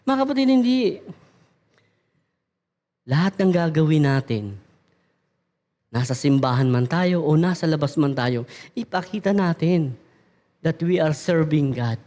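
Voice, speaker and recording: A man's voice: fairly high pitch, measured pace, long pauses. A middle-aged man preaching a sermon in church, talking to the congregation and acting out little everyday dialogues in changing voices. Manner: animated, acts out little dialogues in raised voices.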